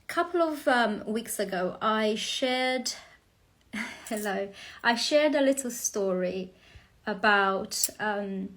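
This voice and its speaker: A woman in her forties from Romania hosts her first live stream, speaking slowly and hesitantly with many fillers. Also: medium pitch, expressive, a bit bright. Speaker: host.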